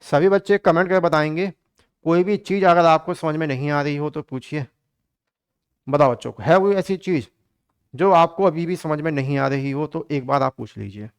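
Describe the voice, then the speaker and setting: A man's voice: a little high, moderate pace, smooth, no room sound. A man teaching an online exam-prep math lesson in a chatty way, calling his students kids and joking as he works through problems.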